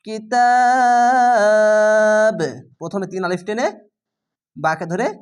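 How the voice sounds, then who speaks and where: A man with a Bangladeshi Bengali accent teaching Quran reading, spelling each syllable slowly and patiently, then reciting words drawn out. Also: high voice.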